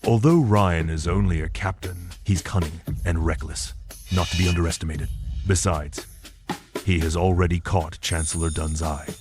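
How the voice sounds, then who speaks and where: An actor voices a scheming court official in a dubbed period drama, voicing doubts to his lord and nursing a grudge. His voice is very low and measured. Music sounds clearly beneath. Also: steady tone, darkish tone, lightly acted. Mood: wary. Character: cautious male official, a scheming underling.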